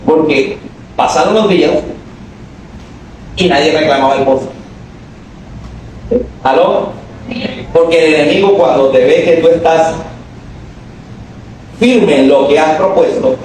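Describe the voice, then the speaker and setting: A male pastor preaching a sermon to a congregation, calling for responses and rising to shouted exhortations. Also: on the high side, measured pace, long pauses, slight background noise. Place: church hall. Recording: very echoey hall, voice from far off.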